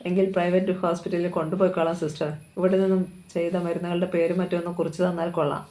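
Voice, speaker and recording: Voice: mid-range voice, flat delivery, very fast, warm tone, natural voice. A narrator voicing a desperate, proud young man from a poor family in a storybook thriller reading. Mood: pleading. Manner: pleading, emotional.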